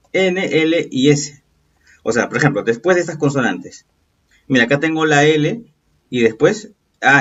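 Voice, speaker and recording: A man with a husky, mid-pitched voice leads a recorded review lesson, explaining patiently and checking in with the class often. His voice sounds distant from the mic, with dull, lo-fi audio.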